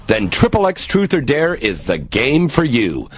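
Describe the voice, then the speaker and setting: A man reading a scripted ad in a salesy infomercial style, as an announcer pitching a product. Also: wildly swooping pitch, vocal fry, a little hiss or hum. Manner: salesy pitch, spells out web address slowly. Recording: dull lo-fi audio with faint music bed.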